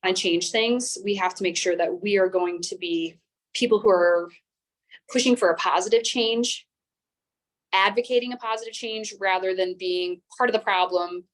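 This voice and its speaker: Young woman, twenties, teacher, interview guest, calm even-toned voice, steady measured delivery. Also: mid-range voice. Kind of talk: interview conversation.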